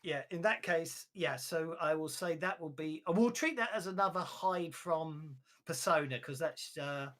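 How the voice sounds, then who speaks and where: A man's voice: a little high, normal speed, few pauses, fairly bright tone. Chatty man as game master. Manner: chatty, frequent restarts and laughs. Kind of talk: running a tabletop game.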